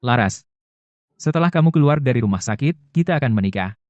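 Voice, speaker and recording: Actor as a lovesick young CEO, dubbed drama, earnest, pleading, mid-pitched. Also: male voice, lively intonation, brisk, darkish tone, no room sound, muffled recording, close to an everyday voice. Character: devoted young male CEO, desperate for his love. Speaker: company heir.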